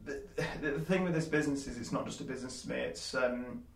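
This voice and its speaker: Young Yorkshire man in his twenties, chatty and rambling, mid-pitched, echoey room. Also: fast, gravelly. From Leeds, England. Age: 20s. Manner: rambling, many fillers and restarts. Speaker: guest, small business owner. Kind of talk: casual interview chat.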